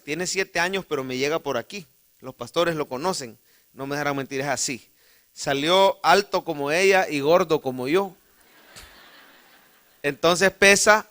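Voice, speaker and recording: Calling his listeners brother, a pastor with a Salvadoran accent recounts a folksy, lighthearted personal story during a sermon in the church sanctuary. He speaks in a fairly high, bright and forceful voice.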